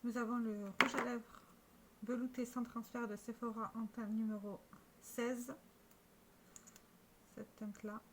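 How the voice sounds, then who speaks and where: A woman's voice: a little high, flat delivery, measured pace, long pauses, background noise. A French-speaking woman talking casually to camera about her makeup, chatty and showing each product with small restarts. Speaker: beauty vlogger.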